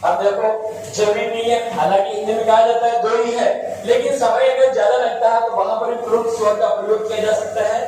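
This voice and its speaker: A man's voice: very high voice, fairly even intonation, a little fast, a little mellow, slight background noise. A man teaching Hindi grammar in a class, repeating key points and asking and answering his own questions. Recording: very echoey room, mic at a distance.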